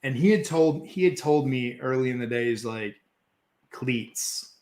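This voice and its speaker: A man's voice: mid-range voice, a little fast, darkish tone. A man hosting a podcast in a laid-back, conversational way, swearing casually as he tells a story. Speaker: podcast host, former pitcher.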